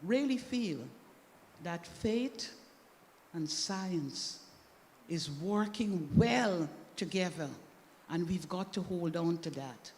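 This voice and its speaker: A woman's voice: lowish voice, animated, slow pace, a little mellow. A woman speaking as a panelist in a church discussion, earnest and emphatic. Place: church hall. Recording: echoey hall, faint background noise.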